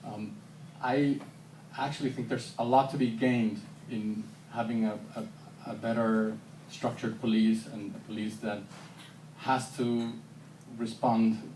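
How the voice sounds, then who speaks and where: This man's voice is mid-pitched and slightly mellow, and he speaks slowly with fairly even intonation. He's answering audience questions at a university screening in a considered way, full of ums and restarts. A handheld camera in the audience picked it up from a distance, so the hall echoes and there's plenty of noise.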